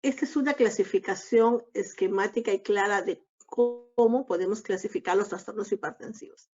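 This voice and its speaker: A woman giving a recorded obstetrics lecture, explaining each slide in a measured way. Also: mid-range voice, a little mellow. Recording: dull lo-fi lecture audio.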